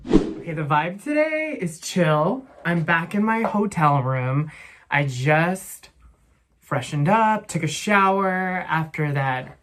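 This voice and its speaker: A woman travel vlogger chats casually to a handheld camera as she walks city streets and sits in a hotel room, rambling with plenty of fillers. Her voice is lowish, expressive, and slow, with slight background noise.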